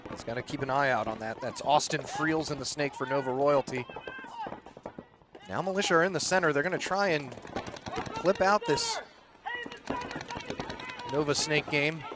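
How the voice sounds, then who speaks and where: Upbeat man calling live play outdoors. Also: a little high. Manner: brisk, running play-by-play with easy laughs. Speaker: play-by-play commentator. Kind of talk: live sports commentary. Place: outdoors at a paintball field. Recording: outdoor mic with loud ambient noise.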